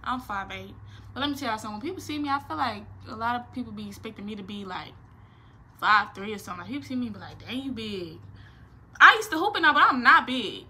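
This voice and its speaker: Her voice is a little high and she talks fast, with a little hiss or hum in the recording. The nineteen-year-old is vlogging a playful Q&A from her small bedroom, chatty, slangy and animated, her hands constantly gesturing.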